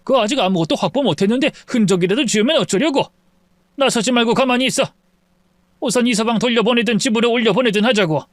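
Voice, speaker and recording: A man voicing a cautious middle-aged father-in-law who urges calm in a hushed, urgent way. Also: very high voice, fast, no echo, pitched above the performer's own voice. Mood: urgent hushing.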